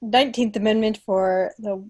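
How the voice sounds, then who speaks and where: An American woman in her thirties hosts a quiz over a home video call through her computer mic, playing a casual, playful mock schoolteacher as meeting host and quizmaster. Her voice is medium-pitched, steady, a little mellow, and at normal speed.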